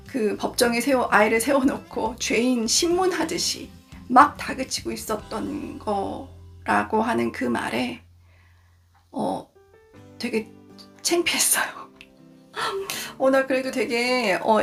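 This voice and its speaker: A woman in her forties talks through a book on her channel, candid and confessional, sometimes acting out remembered dialogue. Her voice sits a little high, with a gravelly, creaky edge. Quiet music plays underneath. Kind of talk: casual reflective book talk. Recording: soft background music.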